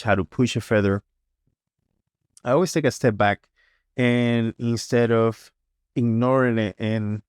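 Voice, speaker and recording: A man voices a tutorial on a digital painting paintover, sounding congested and slightly hoarse, with a mid-range, darkish voice. He talks casually, often checking in with "right?" and making small restarts. The recording is dry and studio quality.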